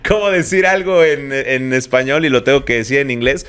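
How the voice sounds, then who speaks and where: A young man with a Mexican accent co-hosting a podcast. He keeps it casual and slangy, with a posh edge to how he talks. His pitch sits in an ordinary middle range. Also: a little fast, fairly bright tone, clean tone. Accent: Mexican Spanish. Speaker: podcast co-host. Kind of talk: casual chat.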